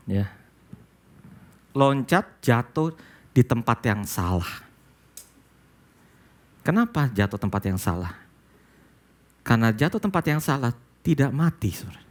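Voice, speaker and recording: A male pastor preaching a sermon, telling a story with dramatic swings between hushed lines and emphatic outbursts. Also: medium pitch, very animated, measured pace, long pauses. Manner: storytelling sermon, addresses listeners as "saudara", mixes in English quotes.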